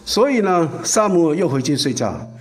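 A male pastor preaching a sermon, telling a Bible story in an animated way. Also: a little high, normal speed, soft background music.

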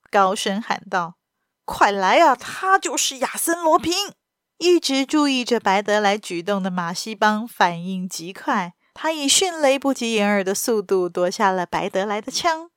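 A woman narrating a novel aloud as a storyteller in a steady, even manner. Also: mid-range voice, clean tone, no echo, clean studio sound.

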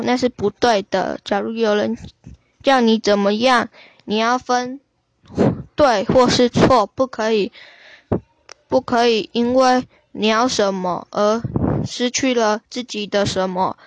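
Slow, gentle woman storyteller. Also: a little high, fairly even intonation, no echo. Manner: gentle, slow, warmly explaining to children. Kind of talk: children's story reading.

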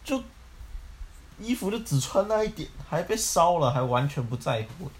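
A man's voice: on the high side, very animated, moderate pace, pitched above the performer's own voice. A man voicing a naive, fearless young lad in a storybook tale, talking bluntly in slang. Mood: puzzled, blunt. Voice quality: blunt, slangy, mildly crude.

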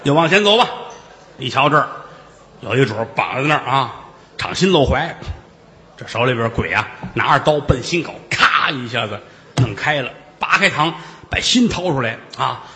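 A man telling a comic ghost story solo, with playful asides and acted-out shouts. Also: medium pitch, expressive, normal speed. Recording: reverberant room.

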